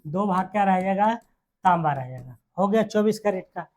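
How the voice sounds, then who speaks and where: In a classroom style, the exam-prep teacher keeps repeating key terms and asking fast check questions ending in tags. Her delivery is animated, with a medium pitch and a darkish tone.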